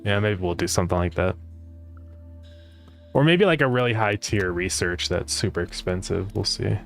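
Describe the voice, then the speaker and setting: A man's voice: deep voice, moderate pace, creaky, fairly bright tone. A man chatting casually as a game developer livestreamer, rambling as he thinks aloud, his speech slightly slurred by retainers. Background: music.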